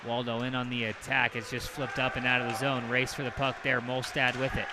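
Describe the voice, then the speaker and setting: A man doing play-by-play commentary on a hockey game, with rapid calls that surge loud on goals. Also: mid-range voice, little pitch movement, very noisy. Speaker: play-by-play announcer.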